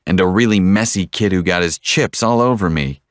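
A man reading one side of a scripted English-lesson dialogue, repeating each line slowly and clearly. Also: low-pitched, dry recording, studio quality.

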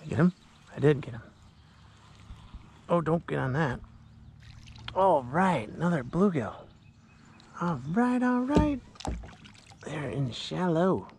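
A middle-aged fishing vlogger with an Upper Midwest American accent chats casually to an action camera mounted on his kayak while fishing on a pond, talking excitably to the fish and deer. His voice is on the high side, slow and gravelly, with frequent pauses and slight background noise.

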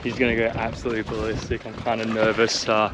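A man's voice: fairly low pitch, fast talker, background noise. A young man chatting casually to a handheld camera on a sailboat deck outdoors. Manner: relaxed, chatty, excitable. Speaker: sailing vlogger. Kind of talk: casual vlog talk to camera. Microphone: handheld action camera at arm's length.

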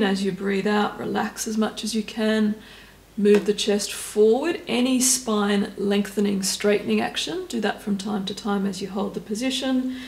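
A woman stretching instructor giving calm, step-by-step cues and counting down holds. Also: medium pitch, creaky, roomy sound, low-quality recording. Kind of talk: guided exercise instruction.

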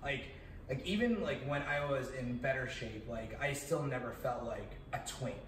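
A man's voice: medium pitch, normal speed, a bit bright. A man in his thirties talking reflectively in a casual chat among friends, with many fillers and restarts. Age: 30s. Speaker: guest in a friends' discussion. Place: living room. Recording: echoey room, distant mic, background hum.

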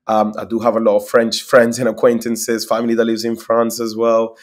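Speaking fairly quickly in a lowish monotone, a young man from Spain who founded a company gives a long video call interview, frequently repeating himself as he works through his thoughts. He's indoors in a small home room, recorded on his laptop's webcam mic.

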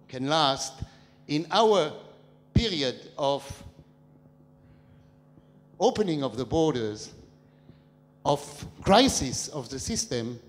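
An older man in the audience asking a long public question into a handheld mic, talking in a discursive way with hesitant pauses. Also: on the high side. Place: large dark hall with an audience, standing. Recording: long reverb of a large hall.

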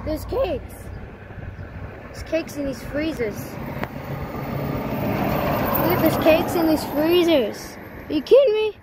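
Woman vlogger with a high voice, casual walk-and-talk, keeps exclaiming in disbelief; phone mic with clear outdoor noise. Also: sing-song, slow pace, pauses often. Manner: astonished exclamations, repeats herself. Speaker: vlogger exploring abandoned buildings. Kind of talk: casual walkthrough narration. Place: outdoors by a roadside and inside an empty shop. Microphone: phone camera held while walking.

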